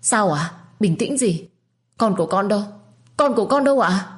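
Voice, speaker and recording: A woman's voice: lowish voice, unhurried, a little mellow, lightly acted. A woman voicing a heartbroken young pregnant wife who pleads tearfully. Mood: desperate.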